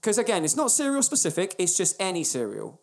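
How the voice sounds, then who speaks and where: A man's voice: high voice, huge pitch swings, quick pace, gravelly. A man with a British accent in casual comic banter as a podcast co-host, sweary and mock-indignant.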